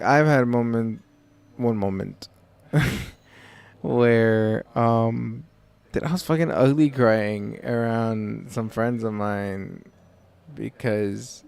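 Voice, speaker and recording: A man's voice: medium pitch, gravelly, a little mellow, clear, resonant tone. A man hosting a livestream, giving rambling, exasperated, swear-heavy reactions to another streamer. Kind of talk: casual reaction chat.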